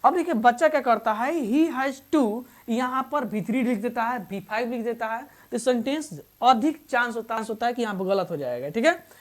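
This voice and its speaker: A woman teaching English grammar in Hindi. She repeats each example slowly and quizzes the learners as she goes. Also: on the high side, expressive. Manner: addresses learners fondly as "babu". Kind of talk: Hindi-medium classroom grammar lesson.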